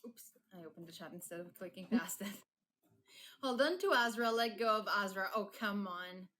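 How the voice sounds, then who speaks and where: A woman chatting casually on a live stream in a playful, excitable, giggly way. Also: medium pitch, moderate pace, slight background noise.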